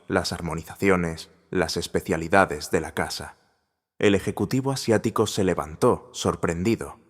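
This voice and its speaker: A man narrates a scripted drama story in a steady, dramatic way. His voice sits fairly low. A long reverb trails behind it.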